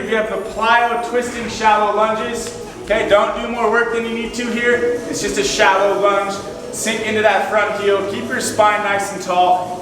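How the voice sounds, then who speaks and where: High-voiced male aerobics instructor, very echoey. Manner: instructional, counting down, motivating the team. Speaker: fitness coach. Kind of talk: aerobics instructor calling out exercises. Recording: very echoey hall, far mic, music behind.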